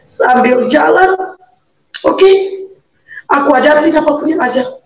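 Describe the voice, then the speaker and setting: High-voiced woman in an echoey room. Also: a little slow, far from the mic. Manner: earnest, repeats key words for emphasis. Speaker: interview guest, a convert and single mother. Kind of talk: personal life testimony over a video call. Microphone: video call.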